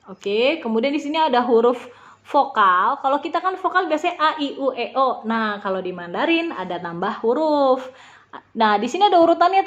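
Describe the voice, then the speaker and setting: A woman teaching a beginner language lesson, patiently spelling out sounds and repeating them slowly. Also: sits high, muffled recording.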